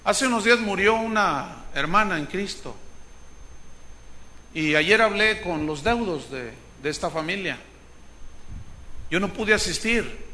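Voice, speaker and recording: Man preaching hard, high bright voice, shouts at the big moments, bit of noise behind. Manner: impassioned preaching, shouting at peaks. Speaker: pastor. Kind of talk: sermon.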